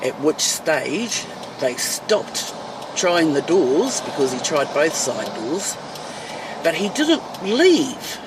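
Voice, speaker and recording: Driving a van through traffic, a middle-aged vlogger with a New Zealand accent vents at her phone camera, swearing freely. She has a low-pitched voice and a very animated, fiery, blunt delivery at a slow pace. Loud road noise fills the recording from a phone mic set well back.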